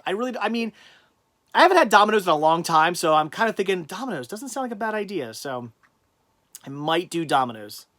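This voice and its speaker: A man's voice: fairly high pitch, fairly bright tone. A man hosting a casual livestream, reading chat comments aloud and rambling through answers with many restarts. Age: adult with a child.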